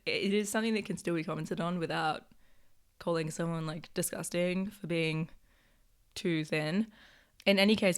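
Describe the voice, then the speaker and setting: A young woman in her twenties hosting a podcast in a casual, chatty monologue, her voice hoarse from being sick. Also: fairly low pitch. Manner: chatty, many filler "like"s. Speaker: podcast host.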